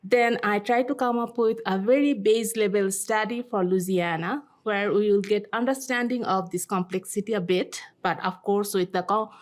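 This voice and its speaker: A woman from Bangladesh with a Bangladeshi English accent, giving a seminar talk as a climate scientist, halting with frequent fillers. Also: mid-range voice. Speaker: guest lecturer, climate scientist. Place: seminar room.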